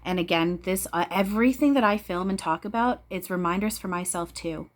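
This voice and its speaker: A woman's voice: fairly low pitch, a little fast. A woman giving a casual spiritual talk to viewers, blunt and preachy, swearing freely and repeating phrases for emphasis. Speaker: spiritual channeler speaking to viewers.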